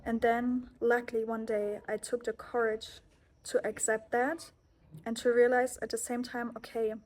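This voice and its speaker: A woman's voice: on the high side, little pitch movement, normal speed, a little mellow. A woman in her twenties from Germany, a native German speaker with a German accent, giving an earnest, heartfelt personal monologue and often correcting herself mid-sentence. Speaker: yoga teacher and vlogger.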